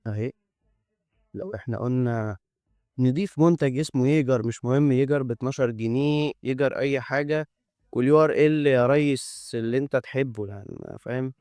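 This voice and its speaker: A man's voice: medium pitch, brisk, a little mellow, no room sound, studio quality. A man with an Egyptian Arabic accent walks through a coding tool on screen in a casual demo. He chats as he goes, thinks aloud and drops joking asides. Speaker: tech YouTuber.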